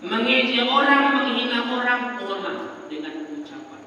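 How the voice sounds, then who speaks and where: A man preaching a sermon to a women's study group. He asks himself rhetorical questions and answers them, and chants verses in a drawn-out melodic tone. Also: very high voice, bright, forceful tone, slight background noise. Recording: echoey hall, distant dull mic.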